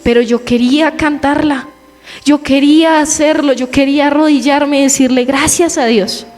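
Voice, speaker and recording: A young woman giving a personal testimony in church, telling her story with lively quoted asides. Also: sits high, normal speed. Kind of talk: testimony sermon. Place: church hall. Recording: reverberant church hall with faint music.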